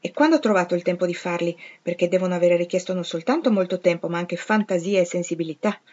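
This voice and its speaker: A brusque, imperious gentleman, as a woman reader puts him on, clipped and used to giving orders. His questions come short and commanding, in a middle-low voice. The recording is a little dull and lo-fi. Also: fast, natural voice. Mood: probing.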